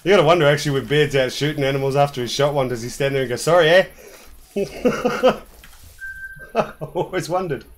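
Man from New Zealand, game streamer, casual chatty commentary, mid-pitched voice, faint hiss. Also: racing, few pauses. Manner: relaxed, chatty, with fillers.

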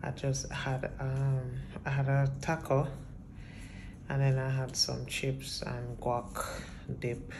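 A woman in her thirties vlogs from inside her apartment, holding her phone at arm's length and chatting casually to viewers. Her voice is extremely low and slow, with background noise, and she's relaxed and talks straight to her audience.

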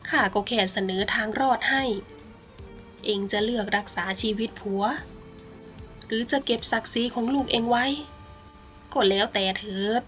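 A woman voicing a greedy, sneering rich old man from the village in a bedtime storybook, who talks slowly and smugly. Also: a little high, a bit bright, soft background music, close to an everyday voice. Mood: coldly scheming. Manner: mocking, slow and smug.

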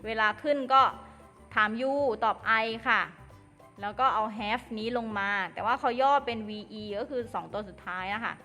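A woman teaching an English lesson to children, explaining slowly and carefully and addressing them fondly. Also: a little high, sharp tone. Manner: slow, careful explaining, addresses pupils as "ลูก". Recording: long reverb with faint music.

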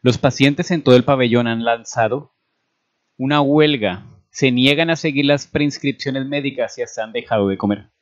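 A man's voice: medium pitch, moderate pace, no room sound, pitched above the performer's own voice, close to an everyday voice. A man reading aloud and voicing a nervous army doctor who speaks hesitantly and fearfully to his superior. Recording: dull lo-fi recording.

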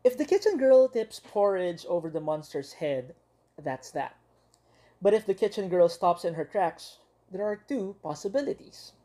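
A woman teacher reading a picture book aloud to young children, expressive and full of dramatic pauses. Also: fairly low pitch.

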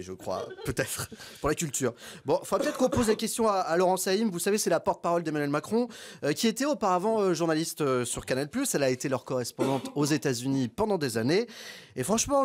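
Give me a middle-aged male radio host cracking quick jokes, voice a bit high. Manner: joking, teasing, quick banter. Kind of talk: comic radio chat with clips.

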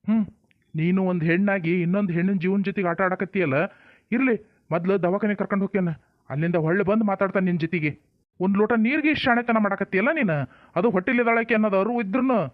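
A man's voice: sits high, rapid-fire, dry recording, lightly acted. A man with a North Karnataka accent playing a stern but caring village father-in-law, firm and then soothing, in a comedy drama. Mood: urgent. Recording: tinny phone-like dry sound.

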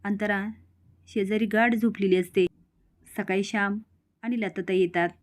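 A woman narrating a storytelling recap of a TV serial episode, reading the characters' lines in her own plain, quick voice. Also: mid-range voice, steady tone.

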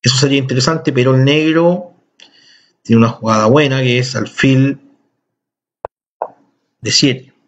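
A man's voice: medium pitch, steady tone, measured pace, pauses often. A man teaching a chess lesson, explaining moves with enthusiasm and speaking directly to his viewers. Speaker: chess instructor. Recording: dull lo-fi recording.

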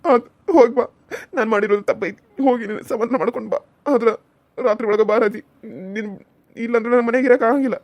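A woman's voice: a little high, fairly even intonation, fast, pauses often, no echo, lo-fi sound, natural voice. A woman doing a meek young farmer man. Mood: distressed. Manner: pleading, helpless. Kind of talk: cartoon voice acting.

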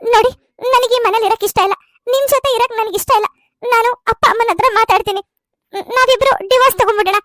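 A woman's voice: very high-pitched, fast, a bit bright, no echo. A woman voicing a young bride and student in a cartoon serial, pleading and tearful as she complains. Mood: upset.

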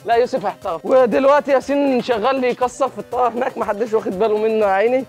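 An Egyptian man commenting on kite flying outdoors. He talks in an excitable way, with loud exclamations and repeated cries. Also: extremely high pitch, rapid-fire, soft background music. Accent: Egyptian Arabic.

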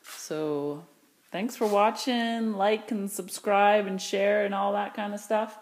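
This casual walkthrough vlog comes from a woman touring her big indoor craft studio, phone held in hand, excitedly talking up her new shelving and storage. She has a mid-range voice with a steady tone and takes her time. Her talk is chatty and enthusiastic, wandering along with plenty of fillers.

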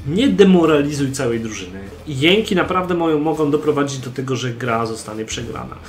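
A man's voice: medium pitch, lively intonation, brisk, slight background noise. A young man giving game tips in a voice-over, speaking straight to the viewer and urging them on with emphasis. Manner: emphatic, exhorting, addresses the viewer directly. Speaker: gaming channel host.

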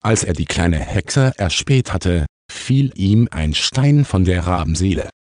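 Deep, dark-voiced male storyteller. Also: unhurried, dry recording, clean studio sound. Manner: calm storytelling. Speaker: audiobook narrator. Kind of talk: children's audiobook narration. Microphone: close studio mic, dry.

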